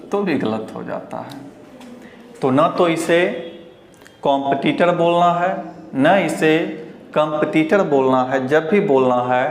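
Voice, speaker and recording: An Indian man from Bihar teaching English pronunciation, slowly repeating each word several times and drawing out the model words. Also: medium pitch. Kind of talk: pronunciation lesson. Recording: roomy echo, faint background hiss.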